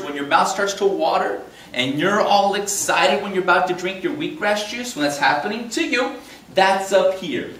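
A man in his fifties teaches a class with a lively, swooping, fairly high voice. He jokes and acts out little quotes. He is picked up from across an echoey meeting room. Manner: animated, jokey, talks with big hand gestures and quoted voices. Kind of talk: live classroom lecture. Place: meeting room with projector screen. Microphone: far camera in the room. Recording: roomy and distant with faint hum.

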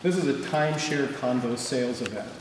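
A man's voice: medium pitch, brisk. A man with a Wisconsin accent giving an emphatic, rhetorical protest speech at a public meeting. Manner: emphatic, rhetorical, repeating for stress. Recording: echoey hall, far from mic, noisy.

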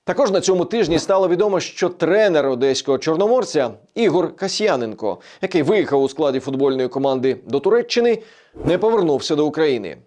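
A man presenting a weekly regional news roundup in a measured, scripted delivery. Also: on the high side, animated, darkish tone.

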